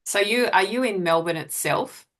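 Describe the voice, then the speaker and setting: A woman host interviewing a guest in a casual chat, friendly and quick to affirm. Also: mid-range voice, fairly bright tone.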